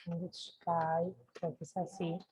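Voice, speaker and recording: Mujer colombiana enseñando francés con calma. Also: female voice, on the low side, slight background noise. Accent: Colombian Spanish. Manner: slow, careful pronunciation of French examples; checks in with frequent "¿cierto?". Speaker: French teacher. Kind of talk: online class, sharing screen.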